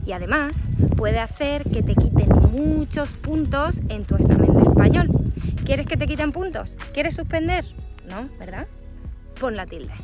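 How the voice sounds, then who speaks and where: A young woman teaching an online language lesson, stressing syllables clearly and emphatically. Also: on the high side. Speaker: Spanish teacher. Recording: loud background music.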